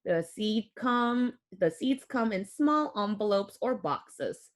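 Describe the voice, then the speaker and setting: Here a woman with a mid-range voice reads slowly from a picture book for young children. Her expressive, teacher-like delivery includes audible gasps, exclamations, and easy explanations aimed at the kids.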